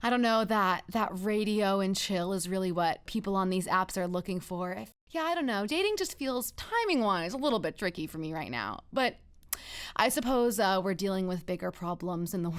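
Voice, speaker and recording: A woman's voice: mid-range voice, smooth, lightly acted. A woman playing a chatty, self-deprecating radio host of the apocalypse in a scripted comedy, with a wry, awkwardly upbeat manner. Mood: awkward, rambling.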